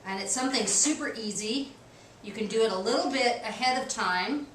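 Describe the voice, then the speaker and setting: A woman's voice: on the high side, normal speed. A woman hosting a library's cooking show, talking casually and self-deprecatingly with many ums as she demonstrates a recipe in a kitchen. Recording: echoey kitchen, distant mic, faint noise.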